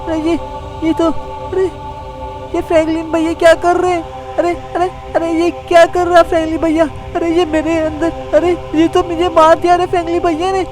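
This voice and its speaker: Guy doing a high squeaky little kid, whiny and jumpy, music going behind. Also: moderate pace, close to an everyday voice. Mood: panicked. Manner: whiny, panicky cries of "arey". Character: small mischievous boy, scared and sulky. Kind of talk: fan game role-play voicing.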